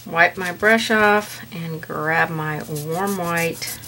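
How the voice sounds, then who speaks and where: A woman teaching a step-by-step painting lesson in a relaxed, chatty way, with many fillers. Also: on the low side, very slow, slight background noise. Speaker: painting instructor. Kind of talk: paint-along tutorial.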